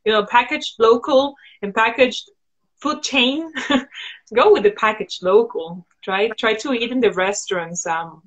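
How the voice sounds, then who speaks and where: Woman guest musing with many pauses. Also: fairly high pitch, a bit bright, rough recording. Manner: thoughtful, halting, many fillers. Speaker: guest sharing sustainability tips. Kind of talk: casual video-call interview. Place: indoors at home. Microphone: video call.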